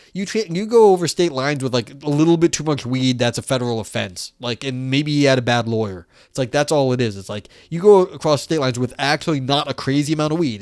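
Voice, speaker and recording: A man reads philosophy papers aloud on a live stream and chats with viewers, rambling and using lots of fillers. He is losing his voice, which sounds worn thin, a little high and darkish in tone. The studio-quality recording has no room sound.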